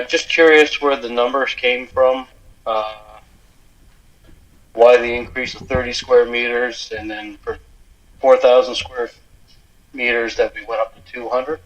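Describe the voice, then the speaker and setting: A man speaks from a remote call whose muffled, lo-fi audio keeps cutting out. He asks questions in a hesitant way, with frequent "uh" fillers, at a middling pitch. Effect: lo-fi remote line that keeps cutting out. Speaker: town councillor calling in remotely. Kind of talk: council meeting discussion.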